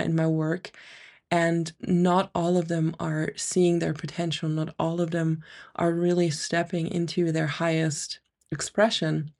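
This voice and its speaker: Female podcast host, lowish creaky voice with a slightly nasal, congested tone; earnest, emphatic motivational coaching delivery. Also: a little mellow. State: congested from an ear infection. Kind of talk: solo podcast talk, motivational.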